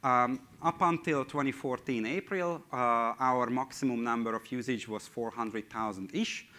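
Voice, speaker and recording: An engineering team lead with a Hungarian accent presents at a tech conference from a large hall's stage, speaking at normal speed in a bright, medium-pitched voice. He sounds hesitant, uses many fillers and has non-native phrasing.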